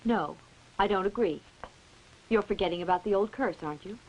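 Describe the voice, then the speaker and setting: A woman's voice: mid-range voice, a little fast, darkish tone, lo-fi sound, a little hiss or hum, lightly acted. A woman playing an anxious young heroine in a dubbed old horror film, earnest and melodramatic. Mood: fearful, insistent. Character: anxious young woman fearing a family curse.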